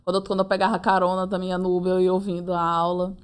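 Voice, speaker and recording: This is a young woman being interviewed. She tells her story in a casual, lively way. She keeps slipping into acted-out quotes of her own and other people's words. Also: lowish voice, clear, resonant tone. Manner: animated, acts out her own and others' lines in quick reported speech. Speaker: interviewee, approved medical student.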